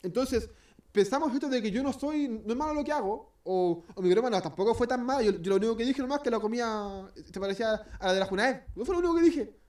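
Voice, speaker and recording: Speaking fast in a very high-pitched, expressive and slightly mellow voice, a man with a Chilean accent teaches an informal Bible study. Chatty and prone to correcting himself, he acts out everyday scenes as examples. He sounds far from the microphone.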